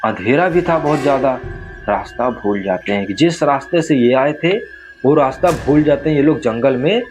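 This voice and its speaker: A man narrating a horror story in a casual, conversational way, speaking straight to the listener. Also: medium pitch. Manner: conversational, addresses listener directly.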